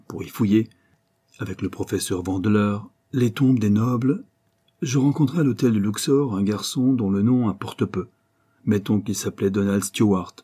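Give me a man playing a commanding old-hand archaeologist, dark and husky. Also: lowish voice. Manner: commanding, storytelling. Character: tall weathered graying male archaeologist, authoritative.

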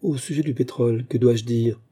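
A man's voice: mid-range voice, fairly even intonation, normal speed, dark tone, slightly rough, natural voice. A man voicing a flighty young princess. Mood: whimsical.

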